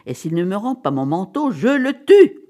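A woman reading the part of an eager, scheming middle-aged wife who begs to know her surprise, with a lively voice. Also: lowish voice, brisk. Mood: furious. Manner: breathless, pleading.

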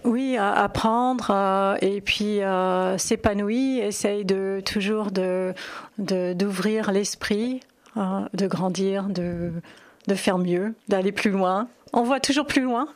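A woman's voice: medium pitch, slow pace, no echo. A middle-aged woman from New York with an American accent, speaking French in a radio interview, hesitant with many fillers and restarts. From New York, United States. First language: English. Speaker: painter.

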